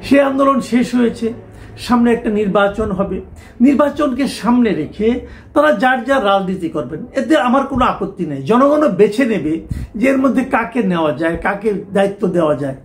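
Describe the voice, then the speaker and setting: A man's voice: sits high, lively intonation, moderate pace, a little hiss or hum. A middle-aged man, giving a talk show political commentary with emphatic rhetorical questions.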